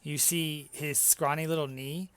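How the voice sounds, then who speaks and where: A man's voice: a little high, fairly even intonation, a little slow, a bit bright, clear, resonant tone, no echo. A man narrating as dungeon master, casual and laughing, with some swearing. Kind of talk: narrating a tabletop game.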